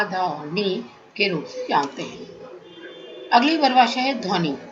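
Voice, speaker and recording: A woman teaching a music theory class, explaining terms step by step in a measured lecture. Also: medium pitch, highs cut off.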